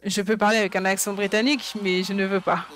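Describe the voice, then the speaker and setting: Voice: mid-range voice, level tone, fast, fairly bright tone. A French voice-over of a preacher, talking in a conversational way, often checking in with listeners and restating points. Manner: frequent check-in questions to listeners. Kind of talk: dubbed sermon, conversational preaching.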